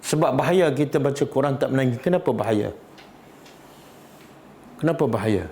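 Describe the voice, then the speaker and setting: A man's voice: medium pitch, expressive, normal speed, vocal fry, mellow. A man with a Malaysian Malay accent teaching a Quran study class, often asking the audience questions and repeating key words. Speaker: religious teacher.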